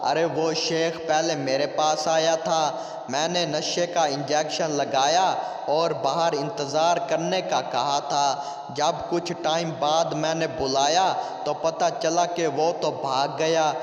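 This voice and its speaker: A man's voice: a little high, fairly even intonation, slow pace, dull audio. A man reading the lines of an outraged male doctor who was cheated out of his fee. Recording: echoey room with long reverb.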